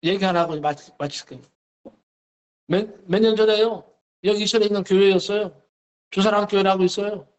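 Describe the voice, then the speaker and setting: A male pastor preaching a Wednesday service sermon, telling a story with lively acted-out dialogue. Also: high-pitched, a little fast, pauses often, lo-fi sound. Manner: animated storytelling, acts out dialogue. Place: church sanctuary.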